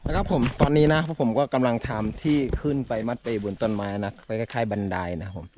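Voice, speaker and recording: A Thai man narrates his walk through a forest for a vlog, speaking politely and straight to his viewers at an even, middling pitch. The outdoor recording carries clear insect and nature noise around his voice. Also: fast. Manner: addresses viewers directly, polite and chatty. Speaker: forest vlogger.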